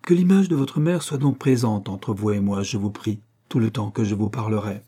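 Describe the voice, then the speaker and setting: A man reading aloud who voices an earnest, pious sixteen-year-old Venetian girl, pleading softly and at times in a hushed voice. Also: lowish voice, moderate pace, breathy edge. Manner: pleading, soft and dreamy, sometimes whispered.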